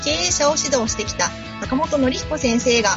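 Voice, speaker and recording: A woman's voice: high-pitched, moderate pace, highs cut off. A woman announcer delivering a scripted introduction to a radio show. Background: music.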